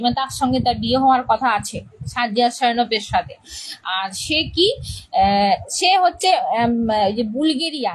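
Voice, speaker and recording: A woman's voice: sits high, low-quality recording. A woman English teacher explaining a play's characters to students, repeating key words and often checking that they understand.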